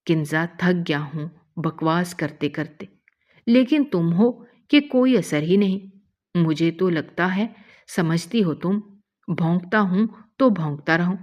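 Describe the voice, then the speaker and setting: Brief: woman reading a young husband, warm but short-fused, low-voiced. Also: highs cut off, lightly acted. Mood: angry. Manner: scolds loudly, then softens. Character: young husband, loving but quick-tempered. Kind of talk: emotional story reading.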